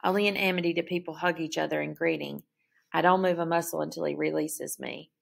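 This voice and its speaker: Gravelly low-voiced woman reading aloud. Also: steady tone, fairly quick. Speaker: audiobook narrator. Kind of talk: first-person novel reading.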